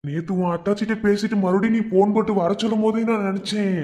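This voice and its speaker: A woman's voice: medium pitch, steady tone, fast, warm tone, natural voice. A woman voicing a young village husband and soldier in a cartoon, with a Madurai accent, easygoing and affectionate. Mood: earnest. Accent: Madurai Tamil.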